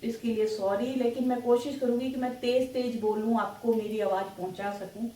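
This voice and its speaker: A woman's voice: on the high side, steady tone, a little fast, dark tone. A middle-aged woman chatting casually to her viewers in a home vlog, rambling from one thing to the next, recorded in a kitchen on a phone without a separate mic. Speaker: family vlogger. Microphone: built-in phone or camera mic, no external mic. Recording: echoey room with faint noise.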